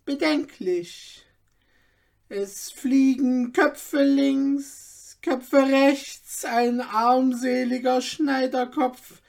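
Guy doing a squeaky old tailor, greedy and jumpy, fairy tale reading. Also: creaky, heavily acted. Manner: excitable, haggling.

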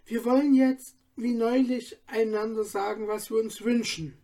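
A wistful young girl from a storybook, as a man reading aloud puts her on, asking eager questions. Her voice sits well above an already high male reading voice, unhurried and lilting. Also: steady tone, mellow. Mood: dreamy.

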